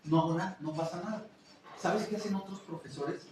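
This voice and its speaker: A man, a teacher, chatting casually and telling classroom stories in an animated way that acts out other voices. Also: fairly high pitch, fairly quick, far from the mic. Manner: animated, acts out quoted voices and laughs often. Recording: roomy echo, away from the mic, faint noise.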